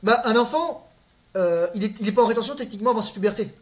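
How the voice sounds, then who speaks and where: High-voiced man in loose, crude chat. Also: animated, fast, fairly bright tone. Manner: crude slang, repeats words, talks to his audience directly. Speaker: streamer answering viewers' questions. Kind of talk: casual live chat.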